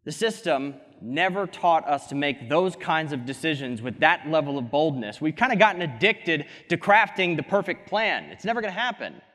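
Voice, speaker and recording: A young man giving an energetic motivational keynote on a conference stage through a headset mic. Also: on the high side, moderate pace, few pauses. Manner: energetic, gesturing, quips at co-speaker. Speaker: keynote speaker. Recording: hall reverb from a conference stage.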